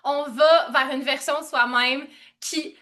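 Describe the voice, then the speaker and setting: A young woman with a Québécois French accent coaching a live online session, loud and excitable, laughing often and dropping English slang. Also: high-pitched, takes it slowly. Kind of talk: energetic live-stream coaching.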